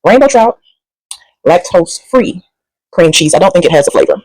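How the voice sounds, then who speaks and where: A woman's voice: lowish voice, animated, normal speed, darkish tone, no echo, rough recording. A woman doing a casual, rambling food review at home, sassy and sometimes talking while she eats.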